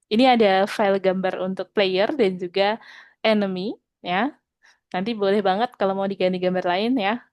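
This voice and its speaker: A woman with a clear, resonant, medium-pitched voice teaches an online programming lesson in a dry recording. She is patient, keeps checking in with her students, and slows down whenever she reads out code.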